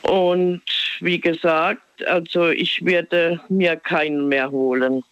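A woman's voice: lowish voice, steady tone, takes it slowly, no room sound. A woman in her fifties from Germany calling in to a radio show over the phone, giving brief answers. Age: 50s. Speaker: caller. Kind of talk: radio call-in. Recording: dull phone line.

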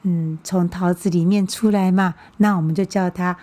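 Woman w/ a mother tongue, chill podcast host, mellow soft voice, says words twice so you can follow. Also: on the low side, fairly even intonation, normal speed. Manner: friendly and patient, often repeating words for learners. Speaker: podcast host teaching Japanese. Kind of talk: casual explanatory podcast talk.

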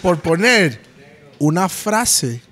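A man's voice: high-pitched, sing-song, drawn-out words, over a noisy crowd. A Costa Rican man hosting a podcast, pushing his point and dropping English slang into casual chat. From Costa Rica. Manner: switches into English slang, pushy. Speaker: podcast host.

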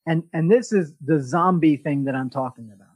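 A man hosting a podcast, giving an energetic motivational talk and often restarting his sentences. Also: fairly high pitch, fairly quick, slightly rough, dry recording, poor audio. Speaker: podcast host.

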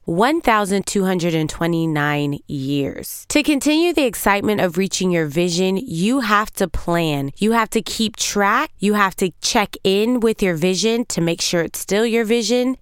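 A woman's voice: medium pitch, clear, resonant tone, no room sound, clean studio sound. A woman in her thirties hosting a podcast as a business coach, giving motivational talk full of rhetorical questions.

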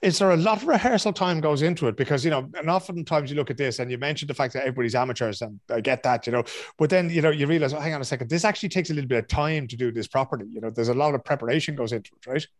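A man, hosting a relaxed, conversational interview and asking chatty questions. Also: mid-range voice, racing, few pauses. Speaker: interviewer, host.

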